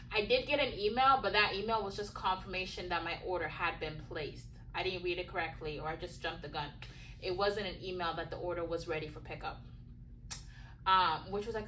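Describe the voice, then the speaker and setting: A woman's voice: mid-range voice, a bit bright, far from the mic, a little hiss or hum, low-quality recording. A young woman talking to her camera in a casual vlog, tired and rambling, with lots of fillers and restarts. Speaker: vlogger.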